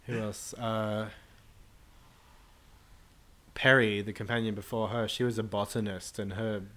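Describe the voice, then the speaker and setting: A man's voice: fairly low pitch, level tone, measured pace, pushed and bright. A man speaking as a podcast guest, knowledgeable and matter-of-fact in casual chat.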